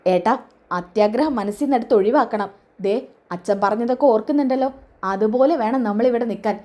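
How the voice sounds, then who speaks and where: Woman doing a jumpy secretive daughter, talks low and careful. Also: a little fast, darkish tone, lightly acted. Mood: anxious. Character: cautious young adult daughter, nervous and secretive.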